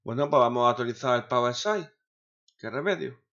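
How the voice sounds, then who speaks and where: Grumbling streamer, lo-fi sound. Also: male voice, medium pitch, animated, fairly quick, fairly bright tone. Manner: grumbling, swears often, talks to himself. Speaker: gaming streamer. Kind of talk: casual streaming chatter. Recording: dull lo-fi sound.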